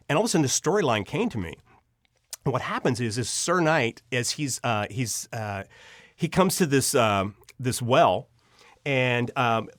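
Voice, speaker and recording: This man, a writer and producer of audio dramas, shares stories in an interview with an earnest, halting delivery, repeating words as he goes. His medium-pitched voice has a fairly bright tone, and the recording is very dry.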